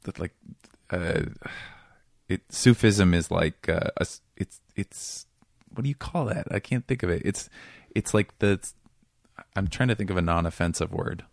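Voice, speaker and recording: A comedian from the Seattle area, USA, chats casually as an interview guest, rambling and poking fun at himself in a low voice that is getting raspy. He speaks at a measured pace, and the recording is studio quality with no echo.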